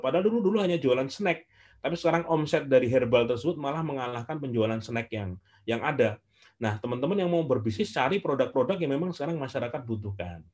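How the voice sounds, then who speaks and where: A man, answering questions as guest speaker in an online class, telling stories in a lively way with frequent "eh" fillers. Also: mid-range voice. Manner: animated storyteller with frequent "eh" fillers.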